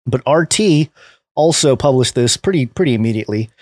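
A man's voice: mid-range voice, expressive, a little fast, a little mellow, no echo, studio quality. A man co-hosting a casual podcast, reading news items aloud and laughing often. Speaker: podcast co-host. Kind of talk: casual political chat.

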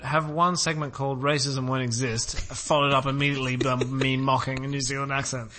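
A man's voice: medium pitch, level tone, brisk, bright, forceful tone, slight background noise. A man co-hosting a podcast in casual chat, dry and sarcastic, laughing at his own jokes. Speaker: podcast co-host.

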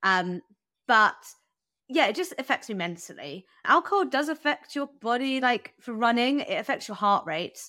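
A woman's voice: fairly high pitch, lively intonation, moderate pace, sharp tone, no room sound, clean studio sound. A young adult woman, a guest runner in a casual podcast interview, chatty and full of "like" and "um". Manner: chatty, lots of "like" and "um", laughs easily.

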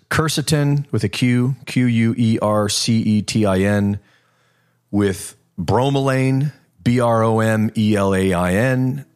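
Rambling man with a lowish voice. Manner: rambling, relaxed, many ums and restarts. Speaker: podcast host. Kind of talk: casual solo podcast, reading listener comments.

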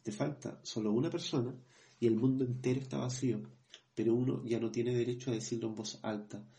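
A man co-hosting a podcast, reading passages from a book in a measured way, then hesitating as he comments in his own words. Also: medium pitch, creaky, dark tone. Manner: measured reading, hesitant when speaking freely. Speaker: podcast co-host.

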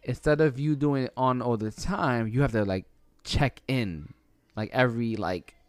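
A man's voice: medium pitch, normal speed, clear, resonant tone, no echo. A man hosting a casual podcast chat in slangy, bro-like, colloquial speech. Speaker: podcast host.

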